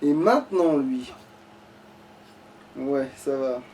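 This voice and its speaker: This let's play gamer rambles through casual gameplay commentary, swearing and sounding exasperated. His mid-range voice is a little mellow, slow-paced, and lively in intonation, picked up by a distant mic with light background noise.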